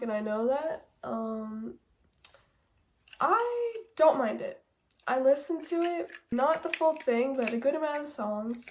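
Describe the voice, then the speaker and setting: A young woman with a stuffy nose from a cold chats casually as a music vlogger, rambling through an album ranking. Her voice is fairly high with a darkish tone, and her talk is packed with fillers and hedges.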